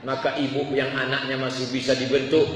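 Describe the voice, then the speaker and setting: A man's voice: medium pitch, little pitch movement, brisk, distant mic, slight background noise. A man preaching a sermon, telling stories and asking his listeners rhetorical questions with emphasis. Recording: echoey hall with faint ambience.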